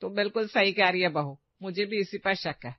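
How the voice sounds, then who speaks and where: A woman's voice: medium pitch, brisk, dry recording, highs cut off, close to an everyday voice. Older mother-in-law, complaining and indignant, woman voicing. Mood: agreeing. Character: older gossiping mother-in-law, sides with daughter-in-law.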